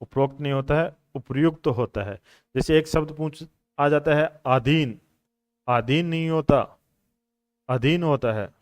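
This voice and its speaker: A man's voice: a little high, measured pace, dry recording, studio quality. A man teaching a coaching class on questions. He explains each answer patiently, repeats the answers and calls his students brothers and friends. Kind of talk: classroom lecture on Hindi exam questions.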